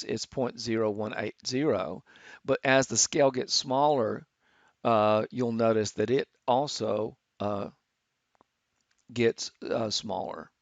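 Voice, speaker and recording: A middle-aged man teaching architecture students, talking through a software tutorial with many fillers and restarts. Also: mid-range voice, dry recording. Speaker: architecture instructor. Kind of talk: screen-recorded software tutorial. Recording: dull, lo-fi screen capture.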